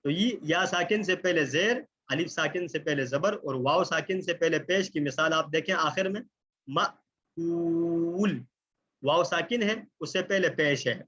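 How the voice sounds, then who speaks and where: A man teaching an online recitation lesson, explaining patiently, checking in often and drawing out example words slowly. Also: high voice, fairly bright tone, muffled recording. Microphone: computer mic on a video call.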